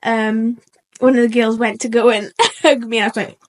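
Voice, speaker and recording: An eighteen-year-old woman, telling a story on a podcast in an animated way, laughing often and acting out what people said. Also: fairly high pitch, moderate pace. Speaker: podcast co-host. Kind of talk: casual storytelling chat.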